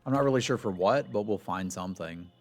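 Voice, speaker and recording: A man's voice: lowish voice, animated, brisk, soft background music. A man giving casual gameplay commentary as a streamer, thinking aloud about his moves with wry, self-deprecating humor. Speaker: card game player and streamer.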